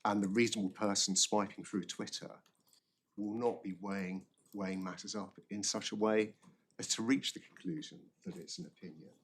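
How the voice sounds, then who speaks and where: Deep, husky barrister making halting submissions. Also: male voice, fairly even intonation, fairly bright tone. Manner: halting, repeats words and phrases. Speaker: barrister arguing an appeal. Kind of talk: formal courtroom legal argument.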